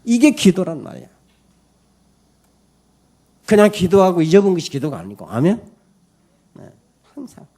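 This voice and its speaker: A man's voice: sits high, sing-song, moderate pace, pauses often, warm tone, breathy edge. A man pastor giving a Sunday morning sermon in church, preaching emphatically, calling for amens and telling a story with many fillers. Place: church service.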